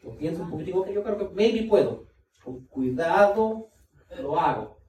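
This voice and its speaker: A man preaches a sermon with a mellow, darker tone, pressing his points and repeating them to the congregation. He sounds a bit off from the mic, and the room gives back a clear echo with faint noise behind him. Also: sits high, lively intonation, moderate pace, distant mic. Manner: emphatic, repeats key points, talks directly to the congregation. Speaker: pastor.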